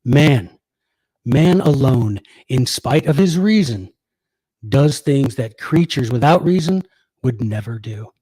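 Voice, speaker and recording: A man with a dark, mellow voice of middle pitch reads an old essay aloud. He is formal and measured, recorded very dry. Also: expressive, dry recording, rough recording. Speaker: reader.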